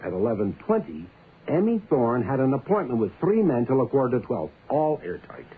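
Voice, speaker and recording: An actor playing a gruff, skeptical police inspector with a blunt, insistent manner in a radio detective drama. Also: male voice, mid-range voice, wildly swooping pitch, a little fast. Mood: hard-nosed, skeptical. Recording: lo-fi, noisy old radio recording.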